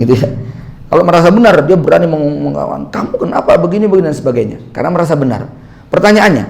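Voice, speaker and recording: An Islamic preacher with a creaky voice on the high side lectures in a chatty, conversational style. He throws rhetorical questions at his listeners and acts out little quoted dialogues.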